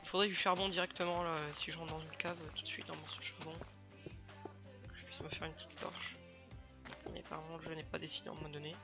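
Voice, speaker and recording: A young man with a northern French accent casually commentating his gameplay, chatty and self-mocking, with sudden bursts of excitement. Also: on the high side, fast talker, vocal fry. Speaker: gamer commentating his play. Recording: home mic with loud game music behind.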